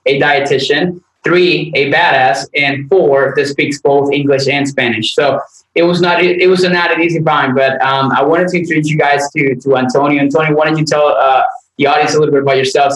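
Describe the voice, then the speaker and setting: A man's voice: medium pitch, a bit bright, roomy sound, rough recording. A man hosting a casual nutrition podcast, talking in an easygoing, rambling way with many restarts. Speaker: podcast host, nutrition coach.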